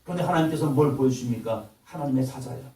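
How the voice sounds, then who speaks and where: A man preaching a sermon as pastor, with impassioned delivery that swells to loud, urgent peaks. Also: medium pitch, rapid-fire, reverberant, far from the mic, low-quality recording. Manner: impassioned preaching, acts out God's voice with sudden loud rises. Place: church sanctuary.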